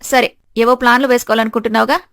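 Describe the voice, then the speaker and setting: A woman voicing a meek but steadfast young daughter-in-law in an animated story, earnest and pleading. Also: fairly high pitch, rapid-fire, no echo, clean studio sound. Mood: defiant.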